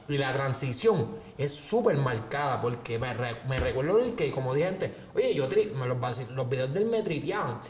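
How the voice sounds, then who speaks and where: A man's voice: mid-range voice, echoey room, slight background noise. A young Puerto Rican man, a podcast co-host, telling stories in casual chat and acting out what people said. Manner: animated storyteller, acts out quoted voices.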